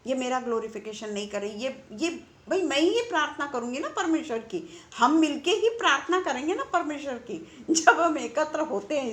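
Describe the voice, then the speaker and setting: A woman's voice: a little high, fairly bright tone, echoey room. A woman preaching a conversational sermon, asking her listeners rhetorical questions. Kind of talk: online sermon.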